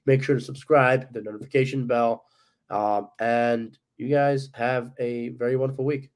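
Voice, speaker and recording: A man co-hosting a sports podcast, his voice audibly worn from being sick. He talks in a loose, agreeable way and leans on fillers. His pitch sits in a middle range. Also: flat delivery, moderate pace. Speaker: podcast co-host. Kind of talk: casual sports podcast chat.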